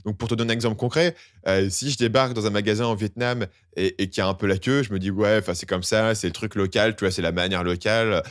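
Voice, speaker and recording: Fast-talking young man, low voice. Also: dry recording, studio quality. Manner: animated, slangy, acts out quoted complaints. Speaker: podcast host. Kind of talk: casual podcast chat.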